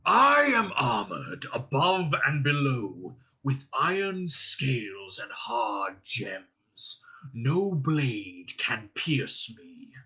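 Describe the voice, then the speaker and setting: A man's voice: mid-range voice, very animated, bright, forceful tone, heavily acted, rough recording. Smaug, a man doing a gloating old dragon. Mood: haughty. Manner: slow, mocking and boastful. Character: huge, gloating, wily old male dragon. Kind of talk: storybook reading.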